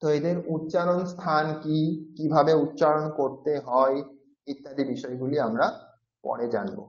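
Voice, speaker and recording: A man's voice: on the high side, fairly even intonation, moderate pace. A man teaching a language class, patiently explaining and repeating each sound several times to demonstrate it. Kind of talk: classroom lecture. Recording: roomy, dull-sounding audio.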